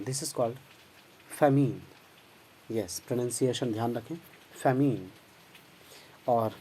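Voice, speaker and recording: A man's voice: medium pitch, mellow, breathy edge. A man teaching grammar, explaining patiently and spelling out words letter by letter, with pronunciation. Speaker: English teacher. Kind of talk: Hindi-language grammar lesson with English terms.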